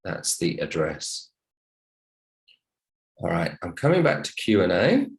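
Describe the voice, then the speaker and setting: Teaching English online over a video call, a man addresses his students politely and encouragingly, thanking them often. His voice sits low and is slow, with wildly swooping pitch.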